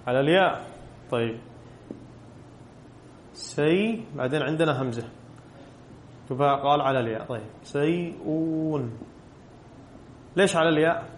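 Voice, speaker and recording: A man's voice: mid-range voice, brisk, long pauses, slight background noise. A man teaching a class in an echoey room. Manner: asks the class questions and answers them himself, repeats key rules. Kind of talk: classroom grammar lesson.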